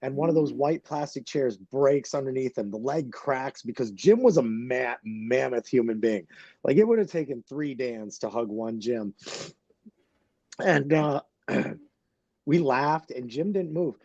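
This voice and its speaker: A man, a wrestler guest on a podcast, telling a story in halting speech full of fillers and restarts, close to tears. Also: medium pitch, lively intonation, dark tone, no echo, highs cut off. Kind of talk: emotional podcast interview.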